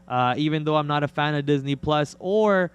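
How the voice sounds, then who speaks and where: A man's voice: fairly high pitch, normal speed, clear, resonant tone. A man hosting a live trading stream, giving casual, slangy market commentary and answering viewer questions informally.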